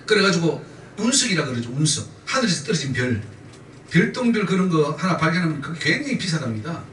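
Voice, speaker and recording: Preaching with emphatic repetition, this male pastor guides his congregation through call-and-response in a slightly high, very animated voice that moves quickly and sounds a bit bright. The distant mic captures echoey church acoustics along with slight background noise.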